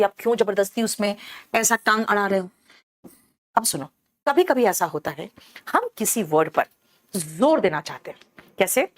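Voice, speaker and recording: Patient woman teaching grammar. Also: a little high. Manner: explains patiently, calls students beta, asks check questions; slows right down to spell out English example sentences. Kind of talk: classroom grammar lesson. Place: classroom with air conditioner running.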